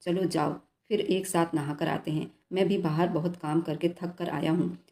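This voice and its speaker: A woman voicing an affectionate, teasing young husband in a narrated romance story, in her own low, mellow voice. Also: fairly even intonation, normal speed, close to an everyday voice. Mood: coaxing. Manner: coaxing, playful.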